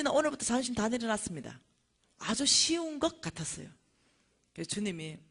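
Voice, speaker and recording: A middle-aged woman, lecturing at a church and telling a personal testimony with animated storytelling. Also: mid-range voice, slightly rough. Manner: animated storytelling, acting out dialogue.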